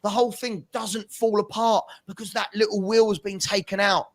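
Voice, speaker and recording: A man's voice: high-pitched, fairly even intonation, moderate pace. A man giving a passionate, exasperated opinion rant as a football fan pundit, hammering points home with emphatic repetition. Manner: emphatic, repetitive rhetorical delivery.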